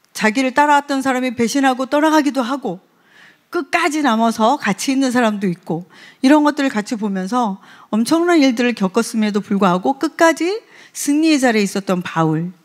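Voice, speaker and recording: A woman preaching a sermon in a conversational way, often putting questions to the congregation. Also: a little high.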